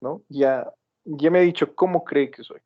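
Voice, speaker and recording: A man's voice: on the high side, normal speed, highs cut off. A middle-aged man teaching a medical class online, probing his students with repeated questions and telling everyday anecdotes. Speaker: medical lecturer.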